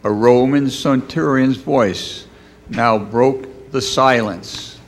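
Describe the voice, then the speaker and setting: Slow, solemn male narrator. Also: mid-range voice. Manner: solemn, declamatory. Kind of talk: scripted dramatic narration of a Bible story.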